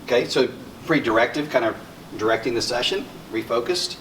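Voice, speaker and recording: A man's voice: medium pitch, brisk, a bit bright. A middle-aged man with an Arkansas accent leads a conference workshop, talking conversationally and putting questions to his audience. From Arkansas, United States. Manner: conversational, asks and echoes back answers. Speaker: instructor presenting at a conference. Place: conference room, behind faint room noise. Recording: roomy, distant mic, faint noise.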